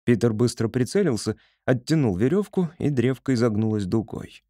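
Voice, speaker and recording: A man's voice: mid-range voice, moderate pace, no room sound, studio quality. Man narrating an audiobook expressively. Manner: expressive storytelling.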